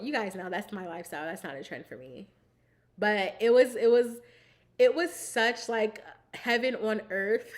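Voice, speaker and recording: A bubbly young woman hosting a live stream, chatting casually with her viewers, giggling often, saying "like" a lot, and talking while she snacks. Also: fairly high pitch. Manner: bubbly and giggly, fills speech with "like". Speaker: livestream host.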